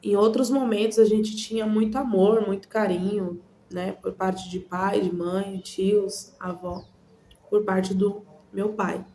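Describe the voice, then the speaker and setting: A woman from Goiânia, Brazil, giving an earnest personal testimony to camera, speaking in measured phrases with frequent pauses. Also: medium pitch, fairly even intonation, dark tone, slight background noise.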